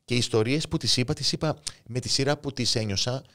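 His voice is mid-range with a fairly bright tone: a man in his thirties, an author and coach appearing as a guest in a casual interview. He has a Cypriot Greek accent and tells his stories spontaneously, impulsively, and with emotion.

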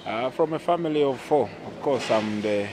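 A man's voice: mid-range voice, animated, normal speed, noisy background. A man in his thirties with a Ugandan accent, a goalkeeper answering interview questions hesitantly with many fillers, outdoors by a pool. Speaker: national team goalkeeper and captain. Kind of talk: casual interview. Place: outdoor poolside terrace. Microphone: handheld mic. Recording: outdoor ambience behind voice.

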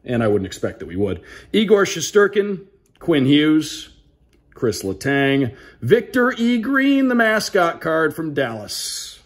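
A very animated man with a fairly high voice speaks at a slow pace. Working as a radio sports play-by-play broadcaster, he delivers relaxed, upbeat unboxing commentary, reading out names for viewers in broadcaster fashion.

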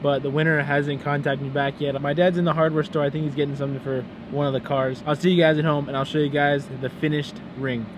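A young man vlogging casually to camera from his home workshop and his car, relaxed and full of "like" fillers. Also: a little high, fast, few pauses, background noise. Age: young adult. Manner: relaxed, talks straight to camera with frequent "like" fillers. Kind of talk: casual vlog narration.

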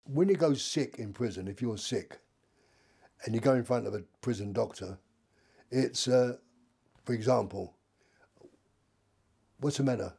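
Casting note: an old man in his seventies who spins rambling yarns, with a husky, gravelly voice. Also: medium pitch, moderate pace, pauses often, warm tone. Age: 70s. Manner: rambling, with many restarts and acted-out dialogue. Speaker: interviewee. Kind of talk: casual anecdote telling.

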